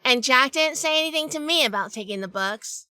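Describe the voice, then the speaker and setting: In a suspenseful first-person detective audio drama, a woman acts and narrates as a shrewd, sassy, hardboiled heroine. Her high-pitched voice is bright, forceful, and smooth, moving fairly quickly with lively intonation in a dry recording.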